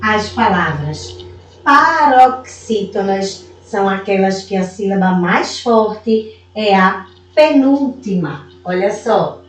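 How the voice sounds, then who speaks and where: Slow patient woman teacher, roomy echo. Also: mid-range voice, lively intonation, distant mic. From Brazil. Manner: slow, patient, stretches out words and syllables; calls herself auntie, speaks warmly to young pupils. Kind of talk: recorded video lesson for children. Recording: roomy echo, voice away from the mic.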